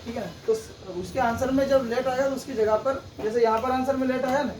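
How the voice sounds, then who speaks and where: A man's voice: very high-pitched, steady tone, fairly quick, darkish tone. A man teaching a grammar lesson step by step, checking in with "theek hai" after almost every point. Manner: explains step by step, repeats "theek hai" often. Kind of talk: classroom-style grammar lesson. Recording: echoey room, distant mic, background noise.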